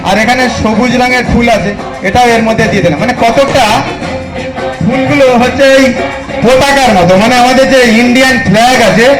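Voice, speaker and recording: A man with a West Bengal accent doing live magic show patter, chatting to the audience like a kids party magician. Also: very high voice. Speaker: stage magician. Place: live club function stage. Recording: echoey live PA with music.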